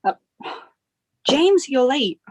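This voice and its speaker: A woman's voice: high voice, big pitch swings, extremely slow, a little mellow, dry recording, exaggerated voice. A woman playing a polite, slightly flustered forty-year-old secretary on a group video call. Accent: Irish.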